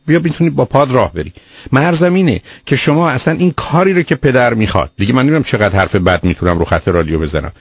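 A man's voice: medium pitch, husky, dry recording. A man hosting a call-in advice radio show, counseling a caller in an emphatic way and calling her "dear" again and again. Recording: dull lo-fi radio audio.

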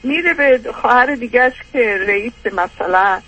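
A woman's voice: on the high side, a bit bright, breathy edge, muffled recording. An older woman calling in, rambling through an aggrieved personal complaint with many hesitations.

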